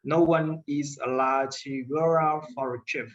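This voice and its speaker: A man's voice: a little high, steady tone, a little slow, muffled recording. A man recites prepared answers with small hesitations in a classroom English exercise. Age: 20s. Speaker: interview guest. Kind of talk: classroom English speaking exercise, scripted interview.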